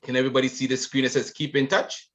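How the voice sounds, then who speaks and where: A man's voice: mid-range voice, little pitch movement, fast. A man hosting an online book launch, talking casually with many um fillers. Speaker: event host. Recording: dull lo-fi audio.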